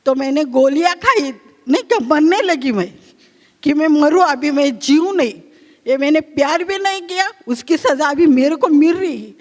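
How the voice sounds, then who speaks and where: A woman telling her own life story at a gathering, in a halting, repetitive way, often asking herself what she should do. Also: high-pitched, lively intonation. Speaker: conclave speaker sharing a personal story. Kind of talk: first-person testimony. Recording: long hall reverb.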